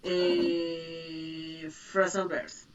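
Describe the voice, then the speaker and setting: A woman's voice: sits low, little pitch movement, extremely slow, faint music behind. A woman teaching an online English class, explaining grammar patiently and checking that students follow. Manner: patient, checks understanding with "¿sí?" and "¿listo?". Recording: muffled, distant mic.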